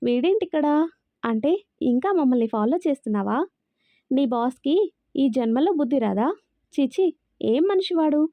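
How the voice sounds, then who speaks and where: A woman's voice: high voice, expressive, moderate pace, pauses often, dark tone, no echo. Fiery scolding young woman, as a female narrator reads her. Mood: angry scolding. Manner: scolding, accusing. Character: angry sharp-tongued young woman. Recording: dry, slightly dull recording.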